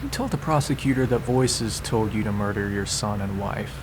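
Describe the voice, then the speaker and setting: An actor playing a calm prison therapist in a film drama, questioning in a probing way, like a cross-examination. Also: male voice, fairly low pitch, moderate pace, lightly acted. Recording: clear background room hum and noise.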